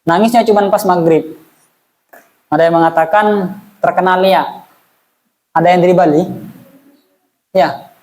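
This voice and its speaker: A man's voice: high-pitched, steady tone, measured pace, pauses often, a little mellow, low-quality recording. A man, teaching an Islamic study class in a chatty way and asking the audience questions. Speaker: religious teacher. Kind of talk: casual Islamic study lesson.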